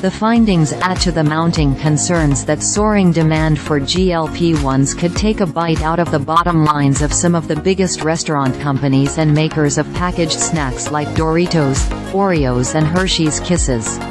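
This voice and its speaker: A woman giving a scripted news narration in an even, measured newsreader delivery. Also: sits low. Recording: faint music bed behind voice-over. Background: faint background music.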